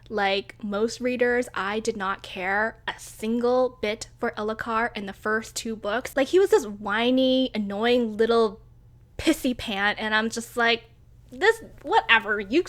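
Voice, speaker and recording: A young woman chatting casually about a book she loved, excitable and gushing, with lots of "like" and "oh my god". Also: on the high side. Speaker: book reviewer.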